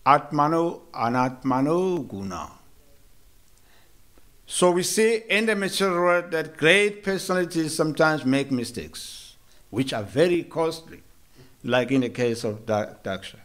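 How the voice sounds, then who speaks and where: In a temple hall, a South African monk delivers a morning lecture as a sermon. He speaks slowly and in a measured way, with hesitant restarts and gentle humor, his voice on the high side and expressive.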